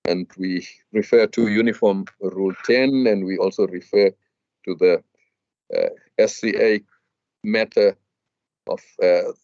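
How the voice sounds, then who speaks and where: A man arguing a legal point before a judge, formal and measured, with some hesitant fillers and restarts. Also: sits low, steady tone, darkish tone, no room sound. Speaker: advocate arguing in court. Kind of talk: legal argument. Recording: dull lo-fi dry hearing audio.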